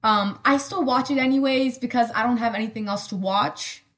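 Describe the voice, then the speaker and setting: A young woman hosting a solo podcast in casual chat, sarcastic and rambling, full of "like" and quick asides. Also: fairly high pitch, a bit bright. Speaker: podcast host.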